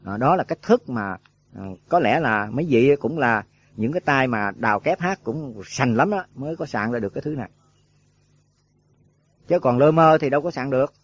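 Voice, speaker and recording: A man's voice: mid-range voice, lively intonation, normal speed, husky. A man giving a rambling dharma talk to monks, full of filler words and rhetorical questions. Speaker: Buddhist monk teacher. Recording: dull lo-fi dry recording.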